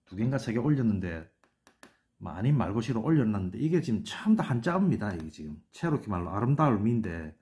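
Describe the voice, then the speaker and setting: A man teaches from slides in a room with a lot of echo. He sounds out words slowly and repeats them, and his voice rises and falls over a wide pitch range. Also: mellow. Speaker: channel host explaining words. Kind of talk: lecture over on-screen slides.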